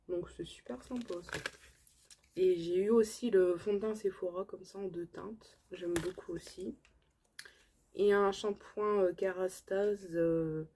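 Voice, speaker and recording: Chatty French woman with a mellow, husky voice. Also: on the low side. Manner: chatty, filler-heavy, enthusiastic about products. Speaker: beauty vlogger. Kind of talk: casual haul chat to camera.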